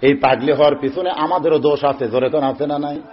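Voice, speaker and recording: High raspy preacher man chanting his sermon, throwing questions at the crowd, muffled old tape. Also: fairly even intonation, fast. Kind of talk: Islamic sermon (waz).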